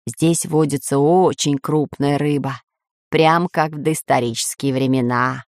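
Storybook professor, older man, lecturing and calm, voiced by a woman; low-ish tone, dry mic. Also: no room sound. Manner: slow, lecturing explanations. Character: calm, learned older male professor geographer.

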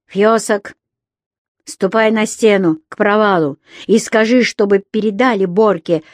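A woman reading a storybook, voicing a furious male robber chief who threatens his daughter in a gruff, commanding way. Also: medium pitch, measured pace, dry recording, clean studio sound, close to an everyday voice. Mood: cold fury.

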